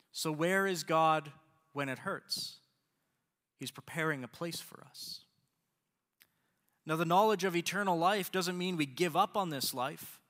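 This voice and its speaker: A male pastor preaching a sermon in an earnest, emphatic manner, speeding up and slowing down for stress. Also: high voice, fairly bright tone, big-room sound. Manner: earnest, emphatic, shifts between quick and slow.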